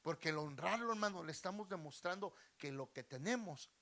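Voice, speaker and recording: A man's voice: on the high side, lively intonation, a little fast, fairly bright tone. Fervent preaching man. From Mexico. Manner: fervent, often saying "brother" to listeners. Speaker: pastor. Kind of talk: sermon.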